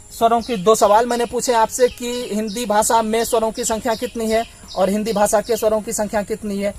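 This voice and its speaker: A man's voice: sits high, a little mellow. A man from Bihar teaching a blackboard lesson, patiently sounding out vowels and explaining them step by step. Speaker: Hindi teacher.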